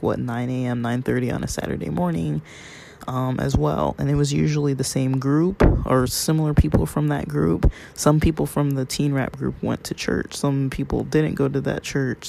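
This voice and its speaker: A vlogger from Southern California tells a personal story in a rambling, conversational monologue, quoting other people in passing. His medium-pitched voice is gravelly and warm, with a little hiss or hum on the recording.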